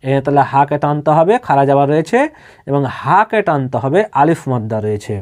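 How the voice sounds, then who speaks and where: A man teaching Quran reading who spells out syllables and then recites each word slowly, repeating it. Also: a little high, expressive, a little mellow.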